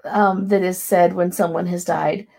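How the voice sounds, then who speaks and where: Woman therapist co-host, wry and supportive, with a gravelly voice. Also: on the low side, steady tone, measured pace, a little mellow. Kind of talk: casual conversation.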